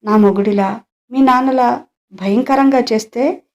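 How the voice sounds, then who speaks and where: A woman's voice: fairly high pitch, a little slow, voice pushed up. A woman voicing a bitter, worldly aunt in an audio story, speaking frankly and explaining.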